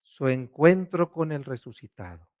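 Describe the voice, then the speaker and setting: A man, a priest preaching a sermon, asking questions and swinging between loud and hushed delivery. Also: mid-range voice, very animated, unhurried.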